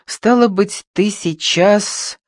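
Remorseful young man, read by a man, hesitant, subdued, slow speech, dry recording. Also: high voice, dry recording, pitched above the performer's own voice. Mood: troubled.

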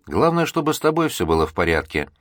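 A man's voice: fairly low pitch, fast talker, no echo, clean studio sound, pitched above the performer's own voice. A man reading a firm male professor. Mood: stern. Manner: calm, firm, commanding. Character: male professor, tender then stern. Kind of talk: audiobook reading.

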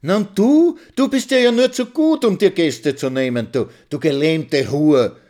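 A man voicing a sharp-tongued young prostitute with a shrill, melodious little voice. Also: unhurried, natural voice. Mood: screeching. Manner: screeching.

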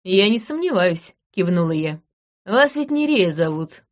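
A woman reading an audiobook in the first person, in a brisk, dry and commanding manner. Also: medium pitch, big pitch swings. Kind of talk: audiobook narration.

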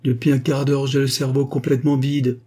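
In a storybook reading, a male reader voices a scheming young actress, coaxing and caressing, pitched above his own voice yet mellow and a little husky. The delivery is a little fast with little pitch movement and only lightly acted.

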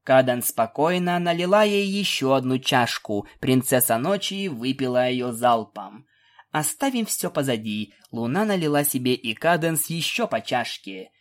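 Expressive audiobook narrator, lively delivery. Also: mid-range voice, moderate pace. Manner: expressive, animated. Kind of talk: fan fiction audiobook reading.

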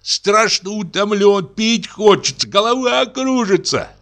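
A man's voice: sits high, expressive, unhurried, a bit bright, pitched above the performer's own voice, heavily acted. A man reading aloud and voicing an indignant, exhausted guest who grumbles about his host. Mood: indignant, weary. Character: weary, thirsty male guest, grumbling and indignant.

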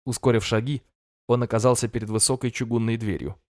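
A man narrating a fantasy audiobook in a measured storytelling manner. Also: medium pitch, fairly even intonation, no room sound, clean studio sound.

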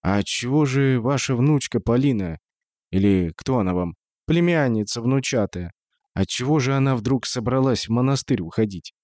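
A man's voice: mid-range voice, animated, normal speed, darkish tone, no echo, lightly acted. A man voicing a composed, middle-aged male investigator who speaks politely with dry irony.

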